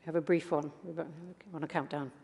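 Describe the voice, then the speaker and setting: Event chair, formal, measured, mid pitch, live ceremony, echoing hall. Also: steady tone, gravelly, darkish tone, husky. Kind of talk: hosting a live prize ceremony. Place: large hall with an audience. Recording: reverberant hall.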